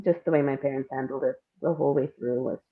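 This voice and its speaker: A playwright and screenwriter from India and Singapore appears as a podcast guest, casually sharing personal stories in a lively way and laughing often. Her voice is low and rumbling, and she talks quickly. The audio is thin, like a phone call.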